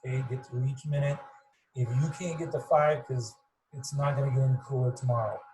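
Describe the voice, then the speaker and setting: Man, running coach on a video call; rambling, monotone delivery, muffled mic with faint background noise. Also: medium pitch, brisk. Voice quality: muffled, fuzzy. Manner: rambling, repeats words, self-described monotone. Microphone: computer mic on video call.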